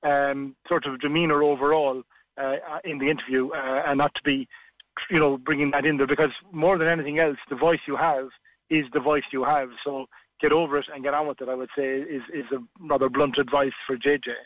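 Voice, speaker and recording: A man's voice: medium pitch, little pitch movement, brisk, a bit bright, no echo, highs cut off. Frank, rambling man on a radio line. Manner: frank, discursive, with frequent fillers and restarts. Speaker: interview coach. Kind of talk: radio phone-in advice.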